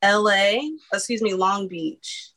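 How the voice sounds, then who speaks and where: A woman's voice: mid-range voice, fairly even intonation, slow, sharp tone, no room sound, rough recording. Woman co-host, plain mid voice, matter-of-fact and teasing. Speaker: podcast co-host reading analytics. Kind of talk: casual podcast chat.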